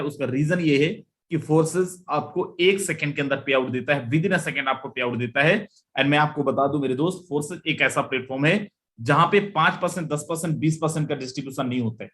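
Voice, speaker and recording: This is a man presenting a live webinar with a fairly bright tone. He hammers home a repetitive sales pitch and calls out to his audience with a rising "my friend" every time.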